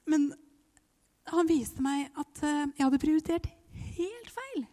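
A woman's voice: high-pitched, animated, warm tone. A middle-aged woman preaching a personal testimony, emotional, laughing through tears and dropping to whispers. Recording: hall reverb.

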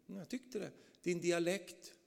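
A man playing a nosy young girl, soft-voiced and probing. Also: sits high, steady tone, vocal fry, in a large hall, pitched above the performer's own voice.

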